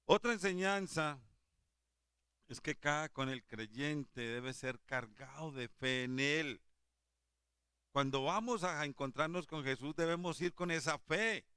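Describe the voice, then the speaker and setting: Fervent male preacher, bright clear voice. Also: mid-range voice, a little slow, dry recording, clean studio sound. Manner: fervent, rising to emphatic exhortations; drops to a soft, tender voice when quoting Jesus. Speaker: lay preacher. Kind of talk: sermon.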